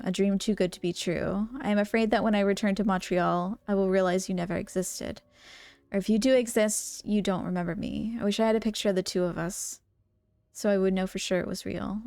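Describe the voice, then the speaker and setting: A woman's voice: medium pitch, no room sound. Streamer woman reading letters aloud. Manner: expressive, reacts with gasps and laughs. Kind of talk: let's play commentary, reading notes and letters aloud.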